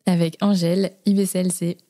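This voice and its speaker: A woman's voice: on the low side, flat delivery, a little fast, mellow. A woman co-hosting a podcast, a general practitioner, reading a scripted intro with playful asides and then asking interview questions. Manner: playful, jokey.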